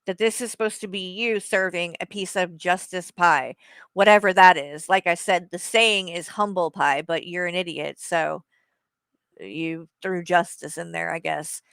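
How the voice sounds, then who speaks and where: A woman's voice: lowish voice, steady tone, measured pace, creaky, fairly bright tone, clear, resonant tone, no echo. A woman streamer giving heated live commentary, blunt and profane, talking straight at the person she criticizes. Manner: blunt, profane, addresses someone directly.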